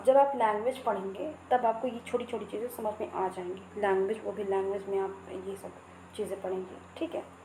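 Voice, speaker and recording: A woman's voice: mid-range voice, darkish tone. Woman teaching in an echoey room. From India. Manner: repetitive, drills key points, reads English definitions and poem lines slowly. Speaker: English literature teacher. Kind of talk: exam-prep lecture in Hindi mixed with English. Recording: echoey room with faint background noise.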